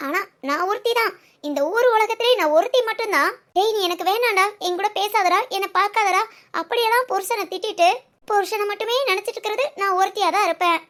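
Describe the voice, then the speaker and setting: A woman playing a young wife who is sulking at her husband, scolding him sharply and musing softly to herself in a comic family skit. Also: very high-pitched, quick pace. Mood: wistful. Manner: sharp scolding, then soft musing alone. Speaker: actress in a village family skit. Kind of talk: comic family drama acting.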